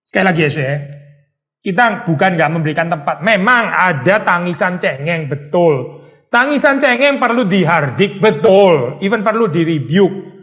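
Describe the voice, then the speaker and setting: A male pastor leads a Bible study in an easy, conversational way. His voice sits high and he keeps it animated, dropping English words into his talk. Now and then he acts out a stern little scolding line. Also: moderate pace.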